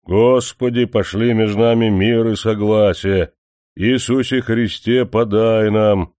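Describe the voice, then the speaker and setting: A man's voice: lowish voice, steady tone, takes it slowly, darkish tone, dry recording, studio quality. A man reading an audiobook who voices a greedy, hypocritically pious factory manager, scolding and mocking the workers. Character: pompous sanctimonious male factory manager, greedy. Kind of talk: audiobook character voice.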